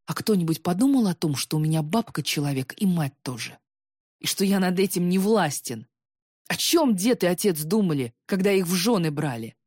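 Woman doing a bitter shouting young man. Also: lowish voice, animated, moderate pace, dry recording, studio quality. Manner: shouting, resentful, voice breaking with tears. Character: bitter angry young man, jealous older brother.

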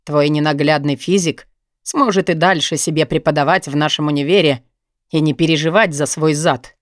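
A woman's voice: low-pitched, moderate pace, dry recording, studio quality, pitched below the performer's own voice, lightly acted. A woman reading an audiobook, voicing a smug young male student who blackmails with a cold, lazy drawl. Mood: sneering. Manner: cold, sneering, lazily drawling.

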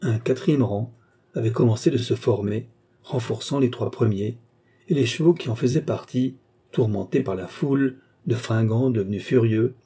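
A man narrating a classic novel aloud in a steady, even way. His voice is very dark and mellow, with a husky grain throughout. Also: medium pitch. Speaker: audiobook narrator.

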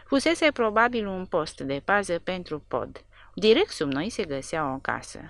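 A woman narrating a war novel as an audiobook with an expressive, dramatic reading. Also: lowish voice, vocal fry, dry recording.

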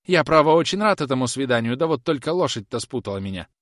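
A man's voice: mid-range voice, animated, fast, a bit bright, no room sound, studio quality, pitched above the performer's own voice, close to an everyday voice. A man reading an audiobook, voicing a frightened young male errand lad with a whining, pleading manner. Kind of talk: audiobook character voice.

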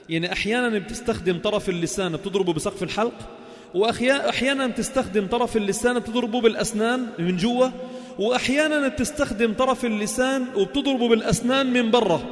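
A man with a Levantine Arabic accent teaching Quran recitation, asking questions and chanting sounds slowly to show them. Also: sits high, in a large hall. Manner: slow, drawn-out chanted demonstrations of sounds and words; asks the class questions and answers them himself. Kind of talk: spoken lesson on tajweed.

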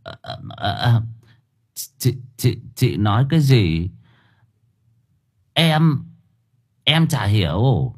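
A man's voice: fairly low pitch, very animated, takes it slowly, pauses often, husky, heavily acted. A man voicing a sly young village rascal who mumbles stubborn, hesitant denials, in an audio storybook. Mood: evasive.

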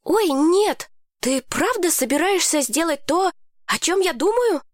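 A woman reading an audiobook, voicing a bossy, excitable girl who scolds and insists. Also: very high-pitched, a little slow, dry recording, clean studio sound, pitched above the performer's own voice. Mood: indignant. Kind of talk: audiobook character voice.

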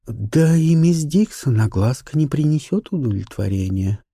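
Man doing a prudent aristocratic lady, calm and unhurried, in a dry, close voice. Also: a little high, breathy edge, dry recording, pitched above the performer's own voice. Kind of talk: audiobook character reading.

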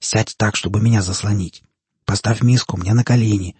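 A man's voice: on the low side, steady tone, moderate pace, darkish tone, breathy edge, dry recording. A man voicing a cold, scheming male prisoner who hisses urgently through barely moving lips.

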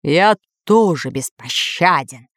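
Woman doing a gruff bearded robber. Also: lowish voice, sing-song, a little slow, no room sound, clean studio sound. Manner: growling, defiant. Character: gruff, stubborn red-bearded male robber.

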